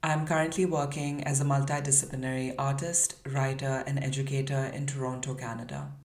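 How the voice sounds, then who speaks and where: A woman from Pakistan, an artist and educator, explaining her work in a measured, prepared way. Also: a bass voice, flat delivery, a little mellow. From Karachi, Pakistan. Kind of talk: prepared statement. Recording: roomy echo.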